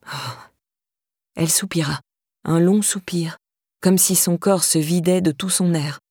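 Low-voiced woman reading a novel aloud. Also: steady tone, a little slow, dark tone, breathy edge, no room sound, studio quality. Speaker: audiobook narrator. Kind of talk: scripted narration.

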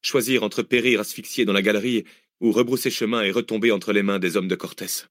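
A man's voice: on the low side, steady tone, fairly quick, fairly bright tone, no echo. Man narrating an audiobook, dry close sound. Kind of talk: scripted narration.

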